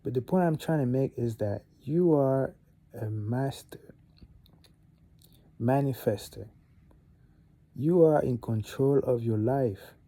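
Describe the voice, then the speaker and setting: A young French-speaking vlogger from Gabon talks slowly to camera in a mid-range voice, with long pauses and no echo. His casual motivational talk rambles, full of fillers and restarts, turning animated on the points that matter.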